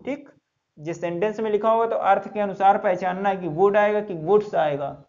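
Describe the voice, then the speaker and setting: A man's voice: high voice, normal speed, darkish tone, muffled recording. A male English teacher giving a classroom lesson, spelling words letter by letter and repeating each answer in call-and-response.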